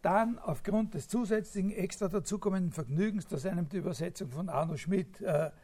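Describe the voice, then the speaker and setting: A man's voice: high-pitched, a little fast, warm tone, breathy edge. A man giving a spontaneous academic lecture, thinking aloud with many filler sounds, restarts and tag questions.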